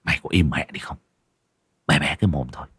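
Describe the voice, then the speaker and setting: A man voicing a cruel, domineering middle-aged village husband in an audio horror story, giving low, gruff, menacing orders. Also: animated, moderate pace, dry recording, clean studio sound, full character voice. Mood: harsh.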